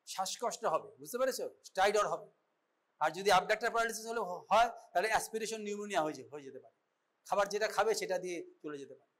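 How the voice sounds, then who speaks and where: Here a male medical college instructor speaks in a high-pitched, somewhat bright voice. While demonstrating an exam during a classroom lecture, he regularly checks that his students are keeping up.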